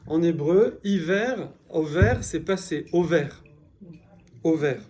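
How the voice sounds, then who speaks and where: A man's voice: fairly high pitch, animated, takes it slowly, a little mellow. A man teaching a beginner Hebrew class in French, explaining patiently and checking with his students as he goes. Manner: explains patiently, repeats key words, asks "d'accord?". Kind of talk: classroom lesson.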